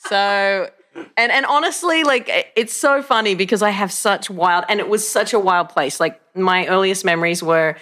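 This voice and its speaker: A woman's voice: mid-range voice, moderate pace. Laughing Australian woman telling stories. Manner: animated, laughing storyteller. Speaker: pastor, podcast guest. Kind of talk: casual interview chat. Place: home, indoors.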